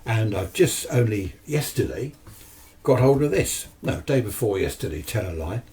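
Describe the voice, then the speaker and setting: A British amateur radio enthusiast gives a casual, unscripted hobby talk indoors in his home radio shack. His fairly low, warm voice has lively intonation and a moderate pace, and he's chatty, rambling and matter-of-fact, recorded on a distant mic with noisy room ambience.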